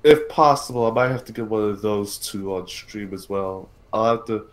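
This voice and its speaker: This is a man running an informal podcast livestream about movies and gaming. He speaks in a lowish voice, pausing and repeating himself as he works through his thoughts.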